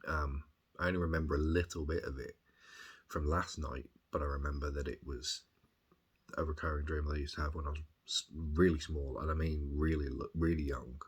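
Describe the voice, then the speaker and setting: An extremely deep-voiced man from Birmingham, England, speaks with a Birmingham accent in a husky, rough-edged voice with little pitch movement. As a video diarist, he recounts things in a casual, reflective way, pausing and rambling while collecting his thoughts.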